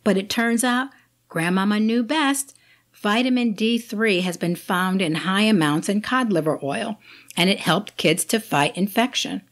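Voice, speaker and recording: A woman physician hosting a health talk, explaining remedies in a clear, lightly joking way. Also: medium pitch, a little slow. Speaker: physician host. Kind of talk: health advice talk to camera.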